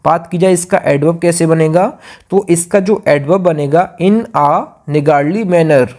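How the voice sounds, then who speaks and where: Indian man, grammar teacher, mellow, repeats rules step by step, close mic. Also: a little high, unhurried. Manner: repetitive, drills rules step by step. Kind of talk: exam grammar lesson.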